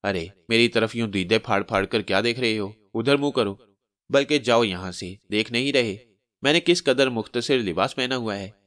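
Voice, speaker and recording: A man voicing a skinny, panicky male trickster who shouts in flustered bursts. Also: mid-range voice, moderate pace, dry recording, lightly acted.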